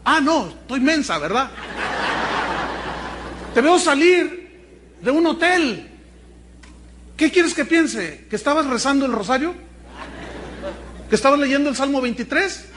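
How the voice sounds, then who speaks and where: A man's voice: very high voice, lively intonation, unhurried, long pauses, background noise, pitched above the performer's own voice. A man voicing an indignant, sarcastic betrayed wife with a Mexican accent, in a mock soap-opera scene within a sermon.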